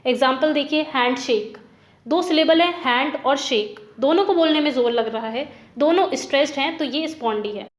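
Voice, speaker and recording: A woman with a high voice gives a lesson as a teacher. She explains patiently, step by step. Her voice echoes in the room. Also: a little fast. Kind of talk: Hindi lesson explaining poetic meter.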